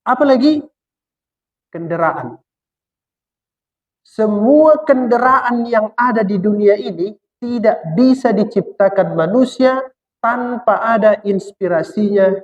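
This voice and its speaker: A man's voice: high voice, darkish tone. Preacher guy explaining the quran, jokey, asks then answers himself, long hall echo, muffled lo-fi sound. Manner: colloquial, answers his own questions with humor. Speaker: Islamic preacher. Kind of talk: Quran exegesis lecture. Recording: dull lo-fi sound in a reverberant hall.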